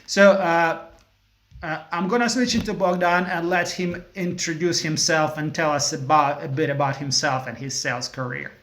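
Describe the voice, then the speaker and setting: Male webinar host, slightly high voice, informal filler-heavy talk, echoey room. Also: steady tone, normal speed, fairly bright tone. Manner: informal, uses "look" and "like" as fillers. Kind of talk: casual interview.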